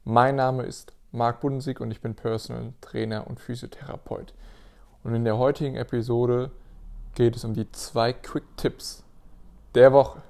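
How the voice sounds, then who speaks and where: A man's voice: mid-range voice, darkish tone. A man hosting his own podcast as a personal trainer and physiotherapist, talking earnestly and motivationally straight to the listener, often restarting his sentences. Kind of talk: casual solo podcast monologue.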